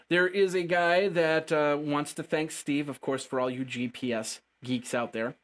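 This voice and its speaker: A man hosting a casual tech news show, chatty and upbeat, often stumbling and restarting his phrases. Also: medium pitch.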